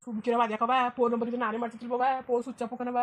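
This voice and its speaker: Defensive adult son for a cartoon, brisk, dismissive, a woman voices it. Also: on the high side, level tone, noisy background, natural voice. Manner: curt, dismissive. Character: defensive adult son, brushing off his mother.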